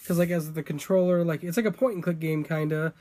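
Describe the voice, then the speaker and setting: Young guy co-hosting a podcast, high voice, rambles a lot, says like and um constantly. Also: steady tone, fast, warm tone. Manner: rambling, lots of "like" and "um", swears casually. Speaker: podcast co-host. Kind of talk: casual chat.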